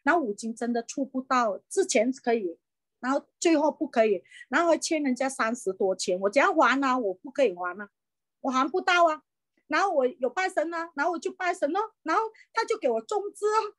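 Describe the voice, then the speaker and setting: A middle-aged woman with a high, light voice shares her own story in an earnest, heartfelt way, stopping now and then on hesitant fillers. The sound is dry and close, with hardly any room echo. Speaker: business leader sharing her story. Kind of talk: personal testimony talk.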